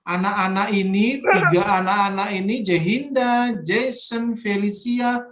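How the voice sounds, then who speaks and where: A man's voice: high-pitched, fairly even intonation, unhurried, fairly bright tone, roomy sound. A man leading a children's Sunday school session over a video call, coaxing the kids with playful questions. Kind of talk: children's online worship Q&A.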